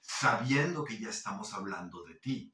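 A man hosting an English lesson in Spanish, slowing down to model English phrases and then explaining them briskly. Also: lowish voice, animated, bright, forceful tone. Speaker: English teacher. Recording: roomy, slightly distant mic.

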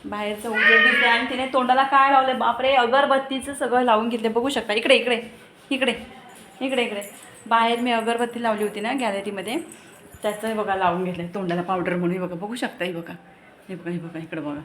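A woman's voice: fairly high pitch, fairly even intonation, brisk, a bit bright. Chatty young mother vlogging at home. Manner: chatty, scolding her kids between asides. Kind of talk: casual family vlog chat to viewers. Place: home with a gallery.

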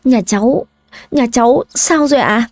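A woman's voice: a little high, very animated, takes it slowly, a little mellow, no room sound, clean studio sound, exaggerated voice. A woman voicing a distraught young wife in an audio story, pleading through tears. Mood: tearful. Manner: sobbing, pleading.

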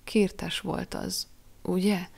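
Audiobook: woman reads a concerned, tender teen boy; quiet and low, with some fry. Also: level tone, heavily acted. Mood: gentle. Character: caring teenage boy, worried and gentle.

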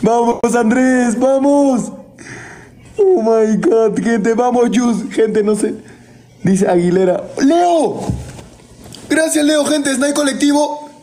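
A man's voice: very high voice, slow, warm tone. A man hosting a live stream, hyping his viewers and thanking supporters by name. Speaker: livestream host. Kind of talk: TikTok live stream chat.

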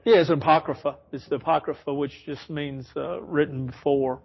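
A man's voice: a little high, fairly even intonation, a little fast, creaky, slightly rough, muffled recording. A man teaching an informal Bible study in a church, rambling and correcting himself as he explains. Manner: rambling, self-correcting, chuckles often. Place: church classroom.

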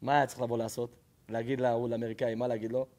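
A man, a rabbi, teaching a Torah lesson as a lively storytelling sermon. He asks the audience questions and answers them himself, and he swings between loud exclaiming and hushed, low asides.

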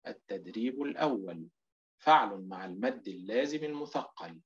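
Over a muffled, lo-fi connection, a middle-aged man teaching recitation online explains everything one step at a time. He draws example words out slowly as demonstrations, speaking in a lowish voice with lively intonation.

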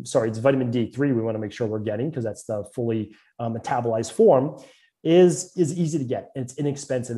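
A middle-aged man with a Boston accent, a naturopathic doctor on a podcast, explains medical ideas at length in an explanatory interview. He's earnest, detailed and fluent, often restarting phrases to get them right, and his mellow, dark voice sits at an ordinary male pitch.

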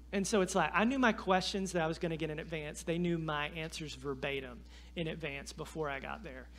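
A man from North Carolina, preaching as a guest speaker and telling a personal story in a lively, self-deprecating way. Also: on the high side. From North Carolina, USA. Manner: animated, self-deprecating, frequent restarts and fillers. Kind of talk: sermon storytelling. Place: church sanctuary.

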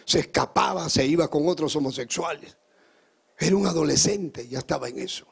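Male pastor, live sermon: gravelly, husky, fervent, swings from loud climaxes to hushed storytelling. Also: brisk. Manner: fervent preaching that climbs high and loud, then drops into hushed storytelling.

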